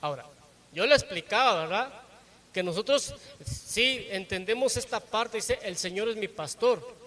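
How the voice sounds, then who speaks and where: A man's voice: sits high, expressive, unhurried, sharp tone. A man preaching a sermon to his congregation, teaching with rhetorical questions and often checking in with tag questions.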